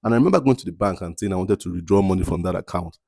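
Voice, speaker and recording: A man hosts a podcast with a motivational monologue, leaning on repeated phrases and drawn-out emphasis. His voice is very low and mellow. The sound is dry and close, with no room around it. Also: vocal fry, slightly rough, no room sound. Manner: repeats key phrases, asks "you understand?"; slows down to stress points. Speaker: podcast host.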